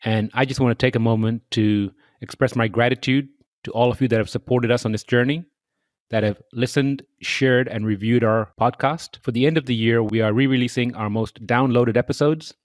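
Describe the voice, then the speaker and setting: Man, podcast host, measured delivery, mid pitch, dry close mic. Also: fairly even intonation, dry recording. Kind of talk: podcast interview.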